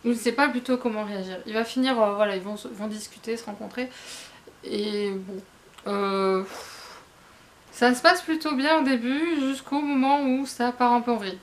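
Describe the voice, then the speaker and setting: A woman's voice: a little high, moderate pace. A woman giving a casual, rambling spoken review of manga. She hesitates a lot, corrects herself and talks straight to her viewers with frank asides. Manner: chatty, addresses viewers directly. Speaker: manga reviewer, book blogger.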